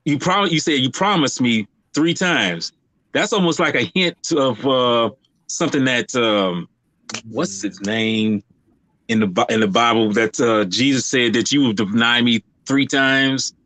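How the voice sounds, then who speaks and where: Man, casual film chat, bright tense voice, dry close sound, rambling with fillers. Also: mid-range voice, measured pace, dry recording, poor audio. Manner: rambling, many fillers and restarts. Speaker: podcast co-host.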